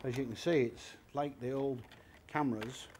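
A medium-pitched man with fairly even intonation and a darkish tone speaks at a moderate pace, a little hiss or hum behind him. In his fifties, he owns a secondhand shop and, interviewed in a large indoor furniture warehouse, chattily explains the prices of old items step by step.

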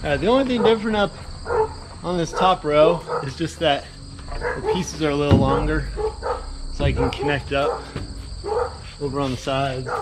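A man in his thirties chatting casually to the camera while framing a barn outdoors, thinking out loud in a rambling, laid-back way. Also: on the high side, normal speed, long pauses, very noisy. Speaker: builder vlogger. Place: outdoors at a barn construction site. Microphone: action camera, sometimes head-mounted.

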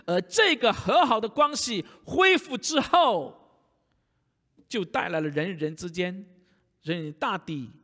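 A man's voice: high-pitched, sharp tone, in a large hall. A man preaching a sermon to his congregation, often asking rhetorical questions. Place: church sanctuary.

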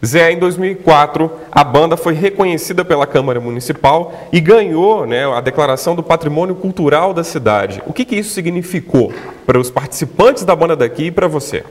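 Thirties male presenter, polished read, slightly high voice, lapel mic in a reverberant studio. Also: expressive, a little fast, few pauses. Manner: smooth, scripted presenter delivery. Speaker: TV show host. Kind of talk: hosting a TV interview.

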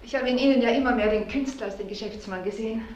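A woman's voice: on the high side, fast, lo-fi sound, close to an everyday voice. An actress playing a gracious, attentive middle-aged businesswoman in a TV drama. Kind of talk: screen drama acting. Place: indoors, large room. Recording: echoey room, noisy old TV soundtrack.

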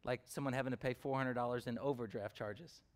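A man's voice: mid-range voice, fairly even intonation, fast. A man preaching a sermon, telling personal stories in a conversational way, with fillers and questions put to the congregation. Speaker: pastor.

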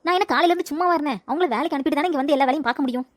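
A woman playing a sharp-tongued, defiant young daughter-in-law in a comedy skit, arguing back. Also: sits high, racing, natural voice. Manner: argumentative, retorting. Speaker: comedy sketch actor.

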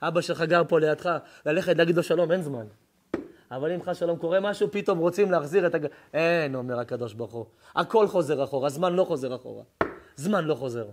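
A high-voiced male rabbi preaching a Torah lesson. He tells stories with strong emotion, drops to near-whispers, then rises to fervent shouts. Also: slight background noise. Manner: emotional storytelling, swings between hushed and shouting.

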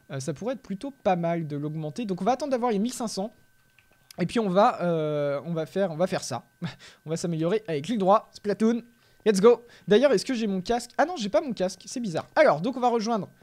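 A man giving live gameplay commentary as a gaming YouTuber, chatting steadily and breaking into shouts and yelps during fights. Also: high-pitched.

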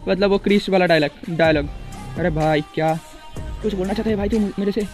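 A young male gaming YouTuber gives casual gameplay commentary over soft music. His voice is very high-pitched, and he's hyper and excitable, rapidly repeating words.

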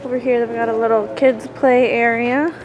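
Recorded on a handheld camera mic with noisy audio, a young woman leads a casual walking tour of an indoor museum. Her voice is on the high side and her pace moderate. She's a video tour host, relaxed as she points out exhibits along the way.

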